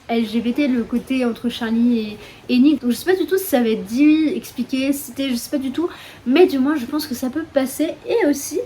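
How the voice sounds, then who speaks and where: Young woman, french accent, casual chatty vlog, high voice, storm faintly audible outside. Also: mellow. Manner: chatty, self-mocking, many fillers. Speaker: book vlogger. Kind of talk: casual chat. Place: room at home with open windows, storm outside. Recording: faint wind and rain noise. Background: wind and rain.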